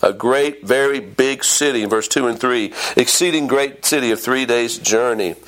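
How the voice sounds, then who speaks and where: A man preaching a sermon, reading old scripture aloud and swinging from low emphasis to emphatic high peaks. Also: normal speed. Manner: animated, rising to emphatic peaks and dropping low; reads King James scripture aloud.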